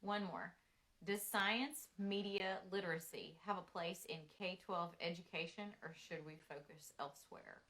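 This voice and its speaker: A woman moderating a Q&A, reading audience questions in a measured way. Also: fairly low pitch, bright, forceful tone, low-quality recording.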